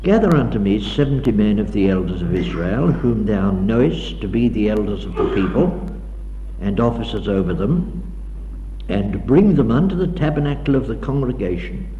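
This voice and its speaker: A man's voice: on the low side, animated, moderate pace, dark tone, lo-fi sound, slight background noise. A man delivering an evening address in a hall, reading scripture aloud in a dramatic, declaiming way, heard on an old 1960s tape recording. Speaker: preacher. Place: lecture hall.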